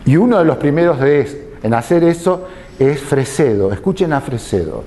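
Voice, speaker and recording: A tango lecturer explains things slowly and deliberately, putting rhetorical questions to his listeners. His voice is fairly high, mellow, and very animated.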